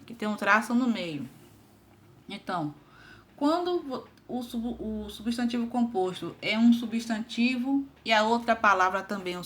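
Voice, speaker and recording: A woman teaching an online grammar lesson, patiently spelling out examples and checking in with her students often. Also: fairly high pitch.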